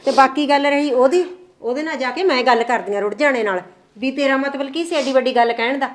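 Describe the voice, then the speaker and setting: Picture a stern village matriarch, played by a woman, her voice set high, who turns from gentle coaxing to fierce scolding and threats. She is middle-aged, caring toward her family, and sharp-tongued toward her son. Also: fast, close to an everyday voice. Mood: soothing. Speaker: mother and mother-in-law. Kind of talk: village family drama acting.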